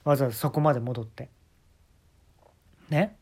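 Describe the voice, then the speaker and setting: A man's voice: mid-range voice, fairly even intonation, moderate pace, darkish tone. Kansai man, casual comic storyteller, dry and exasperated, phone-mic podcast. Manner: exasperated, wry complaining. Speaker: podcast host.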